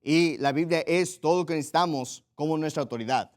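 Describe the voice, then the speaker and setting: A man's voice: a little high, brisk. A pastor preaching a sermon emphatically, repeating his points, checking in with the congregation and reading Bible passages aloud. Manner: directs listeners to Bible passages and reads them aloud.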